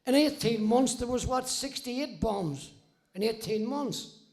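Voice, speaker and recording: A Belfast man in his sixties from Northern Ireland tells his own story casually, in a very high, animated, slightly mellow voice at an unhurried pace. His delivery is blunt, salty, and wry, and he swears freely.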